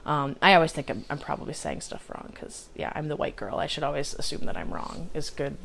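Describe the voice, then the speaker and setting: A woman's voice: deep voice, animated, brisk, creaky, a bit bright, a little hiss or hum. An American woman chatting casually as a podcast host, telling stories with quoted asides. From United States. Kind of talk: casual chat.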